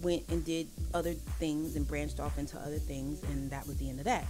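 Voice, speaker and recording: Chatty, animated woman in her forties. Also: sits low, brisk, music in the background. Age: 40s. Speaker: singer guest. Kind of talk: casual live-stream interview.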